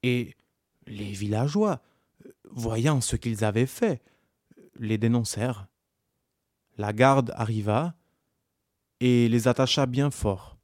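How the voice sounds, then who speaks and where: Calm guy reading an old folk tale, slow and measured, dry close sound. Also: medium pitch, no room sound. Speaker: narrator. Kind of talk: scripted narration of a folk tale.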